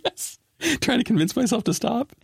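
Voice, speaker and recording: A middle-aged man hosting a casual podcast chat, playful and quick to laugh, close to the mic. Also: very high-pitched, lively intonation, vocal fry, breathy edge, dry recording. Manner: playful, laughs often, teasing. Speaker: podcast host. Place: at home, late at night.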